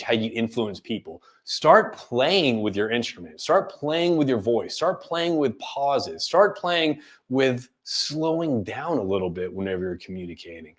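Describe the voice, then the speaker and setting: A man in the middle of a live webinar, coaching an audience on how to use the voice. His delivery is casual and animated, full of quick check-ins as he demonstrates one tone after another. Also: mid-range voice. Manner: animated, demonstrates vocal tones, asks listeners questions; casual filler-laden delivery with frequent "right?". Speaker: leadership coach hosting a webinar.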